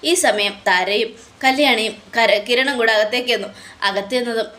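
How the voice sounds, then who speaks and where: A woman talks through a TV serial episode in a chatty, casual way. She fills gaps with little sounds and corrects herself as she goes. Her voice sits fairly high for a woman. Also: normal speed, bright, forceful tone. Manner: chatty, with fillers and self-corrections. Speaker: serial recap narrator. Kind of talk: casual spoken recap of a TV serial.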